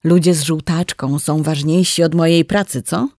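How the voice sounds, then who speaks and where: Narrator doing a sullen, sour husband in a storybook, gravelly edge, dry close sound. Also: medium pitch, fairly even intonation, normal speed, a little mellow, no echo, natural voice. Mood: sour, pressing. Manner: sour, gloomy muttering. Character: grumpy middle-aged male official, husband.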